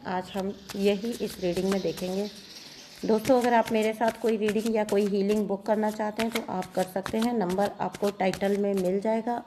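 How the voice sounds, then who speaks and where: A woman tarot reader and healer chatting casually with her viewers, giggling often, her voice starting to go hoarse. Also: medium pitch, warm tone. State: voice going hoarse.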